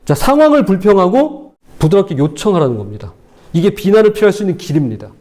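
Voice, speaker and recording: Male pastor, sermon delivery; high-pitched and very animated, plays out spouses' quarrels. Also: fast.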